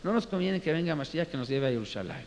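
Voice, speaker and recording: A man's voice: on the high side, animated, fast, a little mellow, lightly acted. A man doing a hesitant farmer. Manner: hesitant, hedging. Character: simple reluctant male farmer, middle-aged. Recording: reverberant room with faint hiss.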